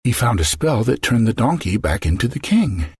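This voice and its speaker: A man reading a children's story aloud in a lively, expressive way, with a husky voice. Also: medium pitch, moderate pace, no room sound, studio quality.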